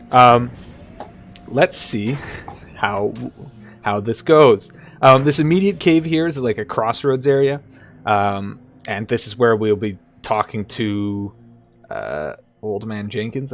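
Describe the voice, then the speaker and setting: Creaky-voiced man narrating a game. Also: lowish voice, expressive, a little slow, faint music behind. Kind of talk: casual let's play commentary.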